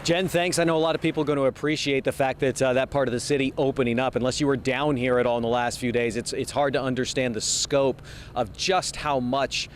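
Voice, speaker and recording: Out on a city street by an event venue, a man gives a live television news report, talking fast with fairly even intonation. Traffic rumble and general street noise run through the recording.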